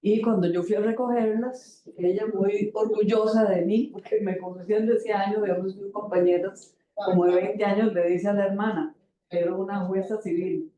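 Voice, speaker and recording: An older woman giving a halting personal testimony as a panel guest, pausing often with fillers and repeated words, in a university auditorium. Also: mid-range voice, steady tone, warm tone, lo-fi sound. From Costa Rica. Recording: echoey auditorium.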